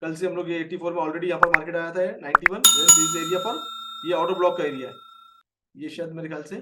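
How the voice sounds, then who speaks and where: Indian man, trading teacher, quick delivery, high voice, slightly distant mic. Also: fairly even intonation, heavy background noise. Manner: explains a chart, quizzes viewers by name. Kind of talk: live market lesson.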